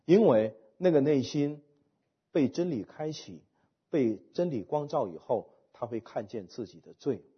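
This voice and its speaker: Husky-voiced man preaching with lively pitch. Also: muffled recording. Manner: emphatic preaching with rhetorical questions, trailing off softly at phrase ends. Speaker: pastor. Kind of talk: sermon.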